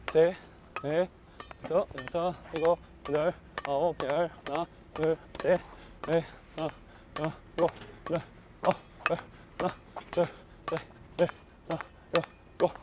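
With background noise in the clip, a man whose voice is on the high side teaches badminton defense. The coach hits against a wall, explaining and counting each stroke aloud as an instructional demo.

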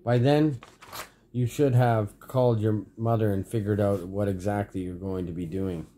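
A man's voice: lowish voice, steady tone, moderate pace, dark tone, natural voice. A man reading a story aloud, voicing a stern, scolding elderly grandmother. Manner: scolding, indignant.

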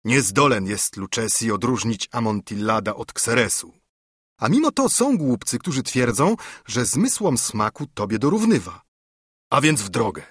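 A man reading aloud and voicing a tipsy, eager Italian nobleman who boasts about wine and brushes off warnings, lifting his voice higher for him. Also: sing-song, moderate pace, a bit bright, slightly rough, no echo, studio quality.

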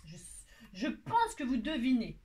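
A woman's voice: fairly high pitch, huge pitch swings, unhurried, mellow, slight background noise. Chatty woman rambling through a craft tutorial. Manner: chatty, rambling, self-mocking, addresses viewers directly.

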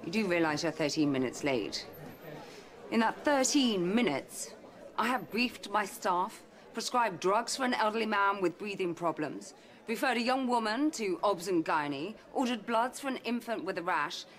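A woman's voice: mid-range voice, expressive, moderate pace, a bit bright, some chatter behind, lightly acted. A woman playing a stern, exacting senior doctor in a medical drama, clipped, authoritative and coolly sarcastic. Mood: stern, scolding. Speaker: emergency department consultant. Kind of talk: filmed medical drama acting.

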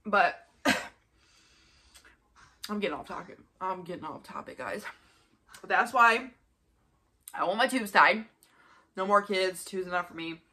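Talking a little slowly with long pauses, a twenty-five-year-old woman uses a medium-pitched, pushed, bright voice while filming a mukbang. She rambles casually and repeats herself, speaking to a camera a short distance in front of her in a small bedroom.

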